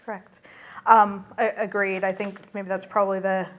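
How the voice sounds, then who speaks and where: A woman moderates a conference panel, asking measured questions. Her voice sits in a middle pitch. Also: level tone, fairly bright tone.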